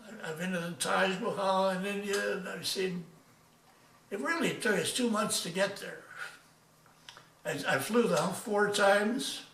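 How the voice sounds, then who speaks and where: An elderly man in his nineties with a high, bright voice reminisces as an old veteran remembering. He speaks haltingly, circling back over his words. The recording is echoey and distant from the microphone. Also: vocal fry, a little hiss or hum. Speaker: retired army major, war veteran. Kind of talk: reminiscing in a casual interview.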